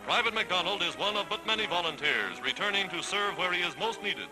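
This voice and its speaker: A man's voice: high voice, expressive, a little fast, low-quality recording. A man narrating an old 1940s newsreel in an emphatic, declamatory announcer delivery. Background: loud orchestral music.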